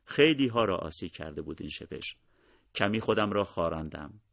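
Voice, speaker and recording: A man narrating a war memoir in a steady, measured storytelling voice, his sentences often dropping quietly at the end. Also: sits low, vocal fry, no room sound, clean studio sound.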